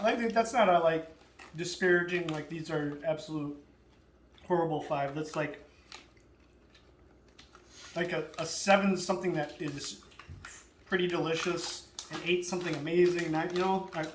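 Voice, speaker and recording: A man with a high voice chats through a casual snack review as its lead. He is halting and searches for words. The room is very echoey, with faint noise behind him. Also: far from the mic. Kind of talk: casual group chat review.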